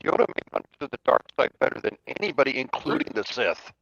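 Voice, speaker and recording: A man's voice: mid-range voice, expressive, fast talker, creaky, fairly bright tone, dull audio, a little hiss or hum. A man co-hosting a live stream, speaking bluntly, his voice garbled as the stream quality drops. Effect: garbled, dropping stream audio. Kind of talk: casual stream chat.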